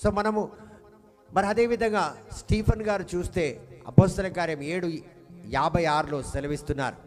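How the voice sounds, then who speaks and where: Pastor preaching in a reverberant hall. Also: male voice, sits high, moderate pace, darkish tone, soft background music. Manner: call-and-response, questioning the congregation with emphatic repetition. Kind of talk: sermon.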